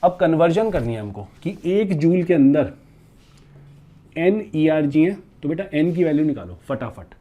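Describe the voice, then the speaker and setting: This is a classroom physics lecture from a man whose voice is on the high side and sing-song, delivered at a moderate pace over phone-quality audio. Working step by step at the board, he frequently questions his students, fondly calling them "beta" and "bachche," and blends English terms into what he says.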